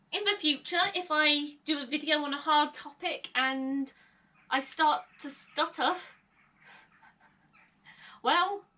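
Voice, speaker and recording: Her voice is high-pitched, bright and forceful as this young woman talks openly in a bedroom vlog, stuttering occasionally and laughing nervously. A slightly distant camera mic a short way off captures the confessional.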